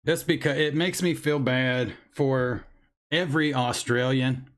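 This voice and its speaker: A man talks straight to his viewers in a casual live chat. He is blunt and angry and swears freely, and his voice sits at an ordinary middle pitch. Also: steady tone, measured pace. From United States. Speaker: vape channel host. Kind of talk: casual livestream chat reading chat.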